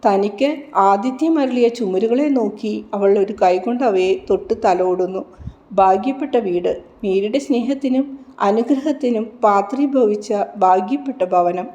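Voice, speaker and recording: A woman's voice: medium pitch, normal speed, dark tone, dull audio. Woman reading a devotional story. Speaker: narrator.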